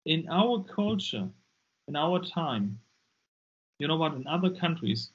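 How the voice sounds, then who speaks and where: A man's voice: a little high, very animated, measured pace. Interview guest: German-accented man, 40s, emphatic and repetitive, muffled video-call audio. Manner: emphatic, repeats words when pressing a point. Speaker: guest, deliverance minister. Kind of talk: casual interview talk. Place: dim room indoors. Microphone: earbuds on a video call.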